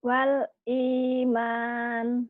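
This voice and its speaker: A woman from Ponorogo with a Javanese accent reads aloud as a student in an online lesson, her high voice repeating each recited word very slowly and carefully. She comes through a tinny, phone-like call line with a dry sound. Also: monotone, no echo. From Ponorogo, Java. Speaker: adult student.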